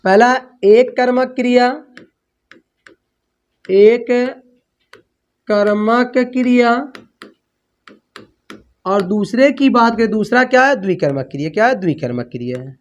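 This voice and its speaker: A man teaching a grammar lesson, repeating key terms as questions and correcting himself as he writes on a board. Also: very high voice. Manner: repeats key terms as questions, slow and drawn out when dictating; self-corrects mid-sentence. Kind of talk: online classroom lesson.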